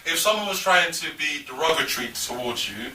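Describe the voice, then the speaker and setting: Bright-voiced man leading a chat. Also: a little high, expressive, fairly quick, slight background noise. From Nigeria. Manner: probing, laughs easily. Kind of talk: casual panel discussion. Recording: roomy, distant mic.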